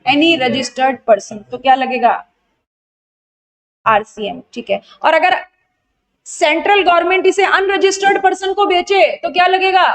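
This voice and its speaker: This young GST tutor with an Indian accent runs an online revision lecture for exam candidates, quizzing them and supplying the answers herself. She moves freely between Hindi and English technical terms in a high voice at a measured pace.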